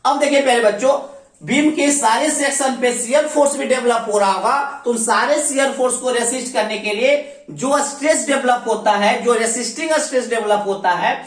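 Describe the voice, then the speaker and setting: A woman teaching an engineering class, with a fairly high voice. She repeats each term as a question and answers it herself, slipping English terms into her speech. The sound comes from away from the mic, in an echoey room. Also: normal speed, distant mic. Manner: often addresses students as dear children. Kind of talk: recorded online class lecture.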